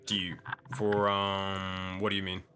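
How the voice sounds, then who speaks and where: A man's voice: low voice, monotone, measured pace, noisy background. A man running a tabletop game as game master, improvising narration in an informal, sweary way.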